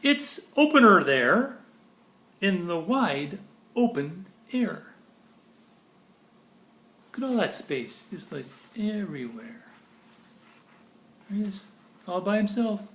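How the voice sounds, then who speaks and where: In an echoey room, a man reads a children's picture book aloud with expression, pausing between phrases and chatting to listeners with explanations. His storybook-reader voice sits high, sing-song and fairly bright.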